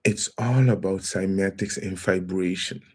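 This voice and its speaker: A man hosting a casual livestream lecture, reading out viewer comments and calling his listeners fam, with a halting delivery full of trailing phrases. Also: low-pitched, fairly even intonation, darkish tone, breathy edge. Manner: reads out viewer comments and greets the chat; calls listeners fam and family. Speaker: livestream host.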